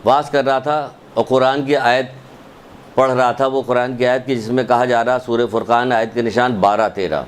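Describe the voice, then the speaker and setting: A man's voice: mid-range voice, fairly even intonation, a little hiss or hum. An emphatic male preacher delivers a sermon that weaves in a story. He repeats his points and presses the listeners with rhetorical questions. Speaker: religious lecturer.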